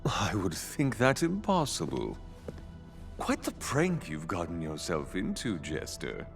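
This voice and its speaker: A man voicing a mysterious, teasing trickster deity in an animated series, hushed and fond, with music underneath. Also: deep voice, unhurried, vocal fry, full character voice. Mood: teasing, tender. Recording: animated series clip with score.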